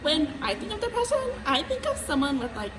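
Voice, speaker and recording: A woman's voice: high-pitched, big pitch swings, brisk, music in the background. A woman playing a chatty, know-it-all student sock puppet in a scripted skit, talking casually and emphatically. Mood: chatty, emphatic.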